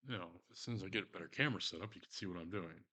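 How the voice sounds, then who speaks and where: A deep-voiced man with a Texan accent chats casually while sewing leather on a stream, rapid-fire and forceful with a bright tone. He rambles, swears freely, and pokes fun at himself.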